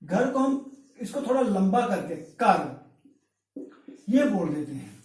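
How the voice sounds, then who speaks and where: A man teaches pronunciation, stretching sounds out to show how they are made. He speaks from a little way off the mic, and the room adds a clear echo. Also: high-pitched, sing-song, mellow. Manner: slow, drawn-out demonstration of sounds with fillers. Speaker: Hindi lecturer. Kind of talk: classroom-style pronunciation lesson. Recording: echoey room, voice from a distance.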